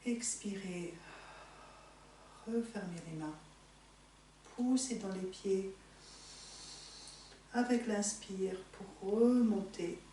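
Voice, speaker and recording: A woman teaching yoga in a soothing, unhurried, gently encouraging manner, giving slow guided instructions. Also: mid-range voice. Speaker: yoga teacher leading a morning class. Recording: echoey room, distant mic, faint noise.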